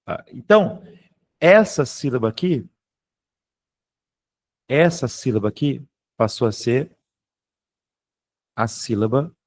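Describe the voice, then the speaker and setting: Speaking slowly with frequent pauses, an animated man with a mid-range voice and a Brazilian Portuguese accent runs an online grammar lesson. He breaks things down step by step, checks in constantly with "tá?" and "beleza?", and keeps it casual, with the occasional swear word.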